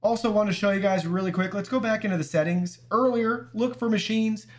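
A man with a somewhat high-pitched voice reviews a gadget in a loose, easygoing way. He walks through menus step by step and talks straight to his viewers. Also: brisk. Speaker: product reviewer. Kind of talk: casual app walkthrough demo.

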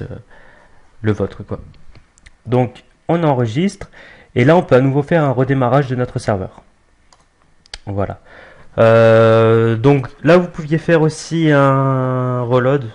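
A young man talks through a software setup on screen in a relaxed, offhand way. He hesitates often, restarts phrases and fills gaps with "euh". His pitch sits in the middle of the usual range for a man. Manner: casual, hesitant, many fillers and restarts. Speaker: tutorial maker. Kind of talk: screen-recorded software tutorial.

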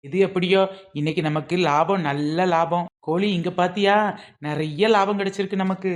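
A woman's voice: on the low side, fairly even intonation, moderate pace, close to an everyday voice. A woman playing a sly, scheming woman omelette seller who teases and haggles in a comic skit. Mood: gloating. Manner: teasing, mock-innocent.

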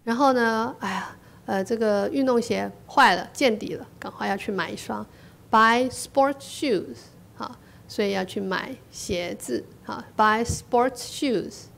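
A woman teaching an English lesson in a chatty, repetitive classroom manner, often tacking a drawn-out "ha" onto her phrases and saying lines slowly for listeners to repeat. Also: mid-range voice, creaky.

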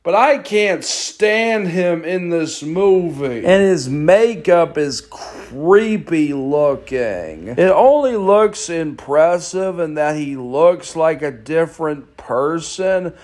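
A man's voice: fairly high pitch, animated, slow pace, hardly any pauses, darkish tone. A young man reviewing a film in a casual, blunt, complaining way.

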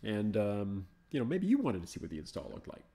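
A man's voice: lowish voice, very animated, fairly quick. Chatty man narrating a screen demo. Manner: chatty, thinks aloud, coaxes the software. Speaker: host of a live Linux show. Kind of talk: casual live screencast commentary.

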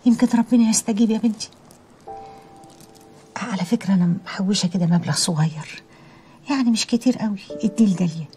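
An actress playing a loving older mother who prays softly for each of her children, speaking with an Egyptian accent. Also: mid-range voice, fast talker, long pauses, soft background music, lightly acted. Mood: tender prayerful. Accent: Egyptian Arabic. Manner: tender, prayerful, softly pleading. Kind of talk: Egyptian TV drama acting.

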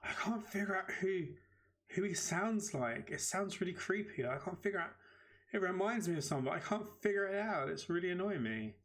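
British male game streamer with a slightly high voice, chatty and excitable as he reacts to his game live. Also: a little fast. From United Kingdom. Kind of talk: live gameplay commentary.

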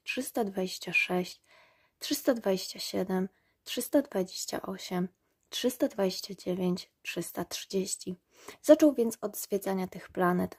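A woman narrating a storybook aloud in a calm, measured way. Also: mid-range voice, slightly rough. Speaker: reader. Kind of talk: audiobook narration.

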